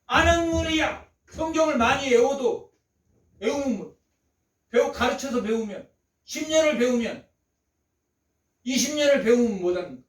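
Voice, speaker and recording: A pastor delivering a Sunday sermon in a notably high-pitched male voice. He drives his points home by repeating phrases and firing rhetorical questions at the congregation. The sound is roomy and slightly distant, as if picked up from across a church sanctuary. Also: normal speed, pauses often. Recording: echoey church hall, mic at a distance.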